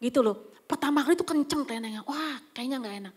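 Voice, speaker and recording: A woman's voice: sits high, fast, husky. A woman pastor, giving a chatty, anecdotal sermon at a church service with occasional whispered asides. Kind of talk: conversational sermon.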